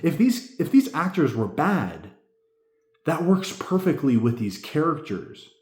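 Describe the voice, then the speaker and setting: A man's voice: on the high side, sing-song, a little slow, darkish tone. A man giving a casual movie review in tipsy, rambling drunk talk, emphatic, repeating himself and swearing. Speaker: amateur film reviewer. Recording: echoey room.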